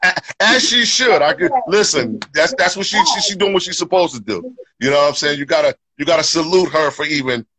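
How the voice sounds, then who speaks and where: This podcast host has a somewhat high, bright, pushed voice and talks fairly fast on a live show. He keeps it upbeat and loose, full of fillers and "you know what I'm saying." The podcast mic recording sounds rough.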